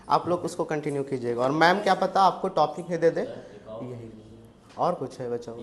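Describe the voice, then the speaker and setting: An Indian man teaching spoken English in a classroom, drilling students with quick questions. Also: sits high.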